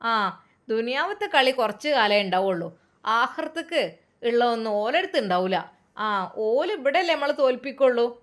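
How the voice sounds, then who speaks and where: A woman's voice: fairly high pitch, big pitch swings, moderate pace. A woman voicing an older village mother, who speaks in a soothing, firm way and uses many motherly endearments. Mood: reassuring.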